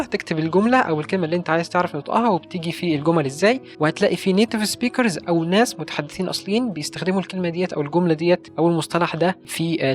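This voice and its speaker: A young adult man with an Egyptian Arabic accent, earnestly recommending learning resources in a casual advice video. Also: a little high. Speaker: language-learning YouTuber.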